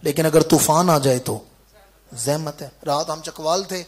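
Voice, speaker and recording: A man preaching a sermon to a village gathering, putting questions to his listeners and answering them himself, moving between loud declaiming and quiet explanation. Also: a little high, slightly rough. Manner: orator who quizzes the crowd and answers himself. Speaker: Islamic preacher. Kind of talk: Urdu sermon.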